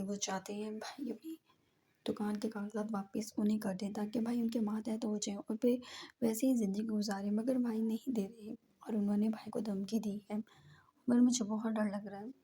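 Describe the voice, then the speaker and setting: A woman's voice: medium pitch, warm tone, breathy edge, close to an everyday voice. A woman voicing a shy, frightened young wife who hesitates and pleads in an Urdu audio novel.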